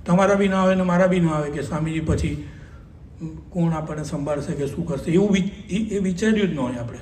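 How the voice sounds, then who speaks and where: Gujarati man, devotional talk, mellow mid-high voice, distant mic in an echoey hall with a faint hum. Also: brisk. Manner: conversational storytelling, quoting others. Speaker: doctor recounting a spiritual memory. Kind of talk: devotional talk at a Sunday assembly.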